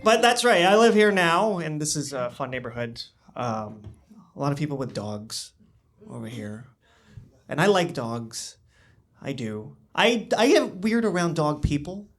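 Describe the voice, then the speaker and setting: A man's voice: on the high side, expressive. Dry, understated young male stand-up comic. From born in China, raised in the US. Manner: dry, understated delivery with halting restarts. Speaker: stand-up comedian. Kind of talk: stand-up comedy set. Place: small comedy club stage, indoors. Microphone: handheld stage microphone.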